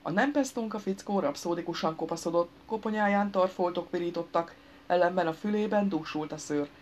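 A woman narrating an audiobook in an even, dry storytelling manner. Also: fairly low pitch, a little hiss or hum. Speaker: audiobook reader. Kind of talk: scripted narration. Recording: dull lo-fi recording.

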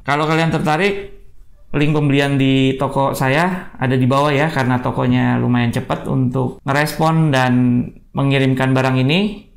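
A man's voice: on the high side, creaky. A man giving a casual product review, chatty and addressing viewers often. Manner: chatty, says "guys" a lot. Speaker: tech reviewer.

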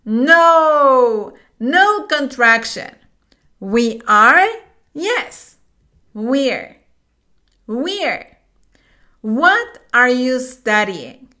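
A woman teaching a slow, patient bilingual English lesson, switching between explanations and English examples, encouraging her students. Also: high voice, pushed and bright. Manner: patient, encouraging, spells out each step.

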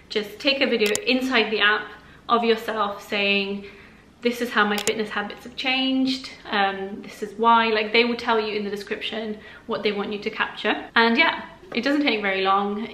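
A young woman from the UK chatting casually to camera as a personal finance vlogger, relaxed and full of fillers like um and like. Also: medium pitch, normal speed, a little hiss or hum. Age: young adult. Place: living room of a flat, indoors. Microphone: camera in front of her at desk distance. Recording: roomy indoor sound.

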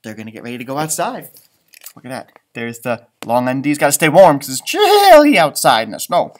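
An American man in his thirties, a teacher reading storybooks to elementary school children indoors among bookshelves, delivers an animated read-aloud sprinkled with chatty asides. His medium-pitched voice runs a little fast, playful, expressive and theatrical, with sudden turns to loud or hushed.

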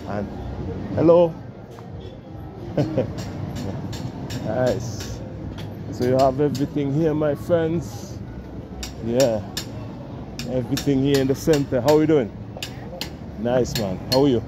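A Caribbean travel vlogger walks through a busy outdoor village market, narrating casually with a selfie camera held at arm's length. He talks slowly and easygoingly at a medium pitch, greeting passersby warmly, with street noise behind him.

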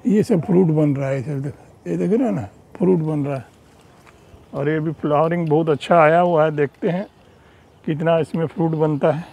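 A man with a fairly high, dark-toned voice gives a chatty, casual tour of his rooftop terrace garden, pointing things out as he goes. It's walkthrough narration filmed outdoors on a handheld phone.

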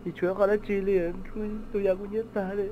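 Dude rambling fast in casual chat, high voice, muffled lo-fi sound. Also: male voice, little pitch movement, a little hiss or hum. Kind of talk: casual conversation.

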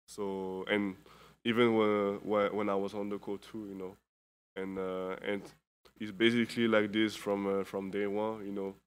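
Answering questions after the game, a tired European basketball player in his twenties sits at a table microphone in an indoor press room. He speaks in a lowish, clear, resonant voice with a level tone and little pitch movement, stumbling through fillers and restarts.

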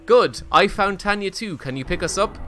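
A man's voice: high voice, lively intonation, moderate pace, pushed and bright, faint music behind, pitched above the performer's own voice. A man reading aloud the lines of an earnest video game action hero in a theatrical way.

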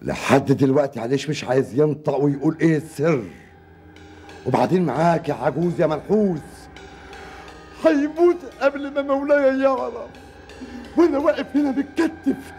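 A somewhat high male voice: a bored guard in a TV fairy-tale drama, muttering complaints over the music. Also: animated, brisk, darkish tone. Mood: grumbling. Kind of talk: TV drama acting.

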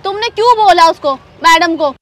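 A woman's voice: very high voice, brisk, a loud crowd. A young woman vlogger arguing outdoors on a boat, accusing and repeating her demands in a staged couple fight.

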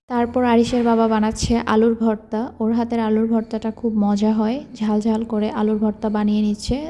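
A young woman from Bangladesh narrating her home cooking vlog in a casual, chatty way, keeping her voice soft so her child can sleep. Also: a little high. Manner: chatty, leans on filler words. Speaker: cooking vlogger.

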